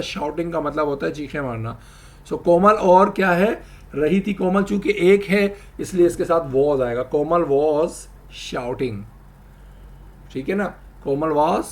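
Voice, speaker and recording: A man teaching English grammar, explaining slowly and repeating example sentences. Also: on the high side. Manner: addresses viewers, asks them to try. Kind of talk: spoken language lesson.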